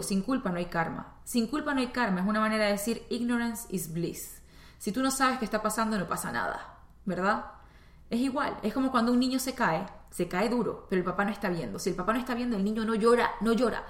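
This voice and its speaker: Speaking straight to her audience in a relaxed, conversational way, this Venezuelan spiritual teacher and astrologer gives a self-help talk in her native accent. Her voice is mid-range, and the room echoes.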